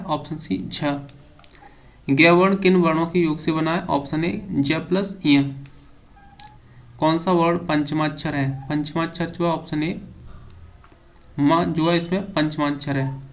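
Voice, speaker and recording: A man's voice: a little high, steady tone, a little slow. A male teacher giving an exam prep lesson, reading each question aloud and then giving the answer with a brief explanation.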